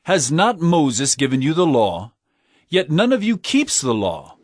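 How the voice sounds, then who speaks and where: An actor playing Jesus as an ardent, authoritative preacher, declaiming to crowds in an audio drama of scripture. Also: male voice, on the high side, big pitch swings, measured pace, no room sound, studio quality. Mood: earnest, challenging. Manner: declamatory, proclaiming.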